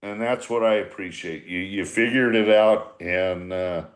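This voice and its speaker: Low and unhurried, the voice belongs to a sixty-something man who used to manage a baseball team. Chatting with others on a podcast, he reminisces in a rambling, repetitive way that's frank and salty.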